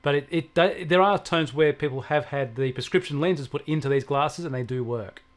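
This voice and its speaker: This Australian technology expert, a guest answering questions, explains tech in a conversational way using everyday examples. His voice is on the high side, and he keeps a moderate pace.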